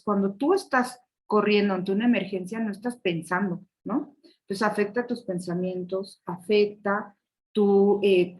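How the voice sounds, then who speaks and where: A woman's voice: medium pitch, a little mellow, rough recording. Chatty woman giving a lecture. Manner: chatty, ends points with a questioning tag, laughs often. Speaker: speaker of an online leadership session. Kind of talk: conversational lecture.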